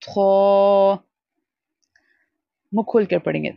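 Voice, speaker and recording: A woman teaching Quran reading in a recorded online lesson. She draws out each letter sound slowly, then explains quickly, slipping into English now and then. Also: mid-range voice, expressive, creaky, no room sound. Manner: slow, drawn-out letter recitation between brisk explanations, mixing English. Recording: dull lo-fi dry recording.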